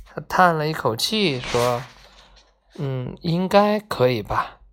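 A woman reading a children's storybook aloud, gently voicing each character in turn. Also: deep voice, animated, slight background noise. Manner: slow, gentle, acts out each character's lines.

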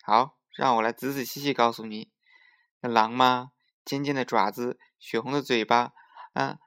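A man voicing a cheeky little squirrel who talks in a teasing, lively way. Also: mid-range voice, normal speed, lightly acted.

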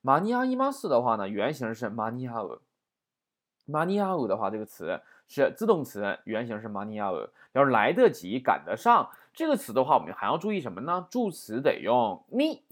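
A man's voice: medium pitch, huge pitch swings, a little fast. A man teaching a vocabulary lesson in a chatty way, often asking "right?". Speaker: Japanese language teacher.

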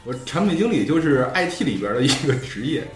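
Brief: animated male podcast host, lively pitch, roomy echo, soft music under. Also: fast talker. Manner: animated, laughs often, mixes in English words. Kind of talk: casual storytelling chat.

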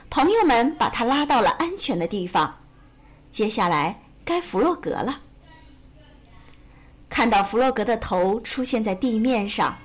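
A woman reads a children's storybook aloud in a high, bright voice that rises and falls in a lively sing-song. Her telling is gentle and expressive, made for young listeners.

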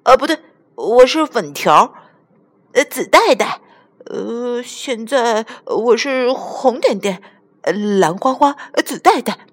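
A nervous little storybook chameleon stammers and stumbles over his words, full of "uh"s, as a woman puts him on. The voice sits high and swings widely. A soft husky grain runs through it. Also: sing-song, slow pace, exaggerated voice. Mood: flustered. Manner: stammering with many "uh"s.

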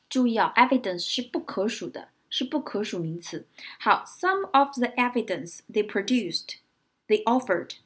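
With a fairly high, slightly breathy voice, a woman teaches English vocabulary, spelling out each word letter by letter and going over example sentences slowly.

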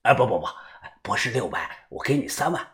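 A man's voice: mid-range voice, huge pitch swings, normal speed. A man doing a wheedling old Beijing jade buff. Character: fussy retired old man, jade collector.

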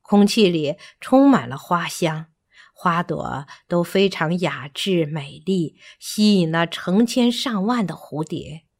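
A woman doing a gentle dreamy giraffe. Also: lowish voice, expressive, takes it slowly, full character voice.

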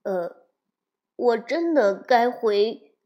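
A protective big-brother bear cub, as a woman voices him, speaking up loudly and indignantly. His lively voice suits a children's storybook. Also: on the high side, drawn-out words, lo-fi sound. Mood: hesitant. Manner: indignant, shouting.

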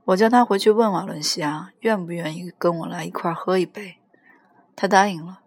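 A woman reading a first-person novel aloud in a plain, even storytelling manner. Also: on the low side, a little fast, husky, dry recording. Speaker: audiobook reader.

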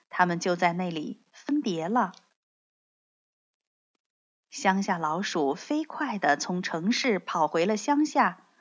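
A woman reading a children's storybook aloud in a slow, gentle way, speaking to the children. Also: mid-range voice. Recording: dull lo-fi recording.

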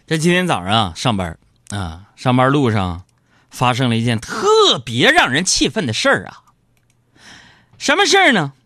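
Lively bantering male radio host. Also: mid-range voice, moderate pace, no room sound. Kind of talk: comic monologue.

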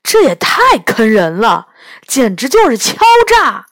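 Storybook kid: woman doing a loud, indignant boy, dry close sound. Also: medium pitch, very animated, a little slow, no room sound. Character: outspoken young boy, quick to protest.

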